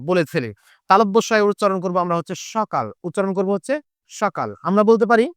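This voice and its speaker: A man's voice: sits high, fairly bright tone, clear, resonant tone, no echo, clean studio sound. A Bengali teacher with a Chapainawabganj accent gives an online lesson. He repeats key points and asks and answers his own questions. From Chapainawabganj, Bangladesh.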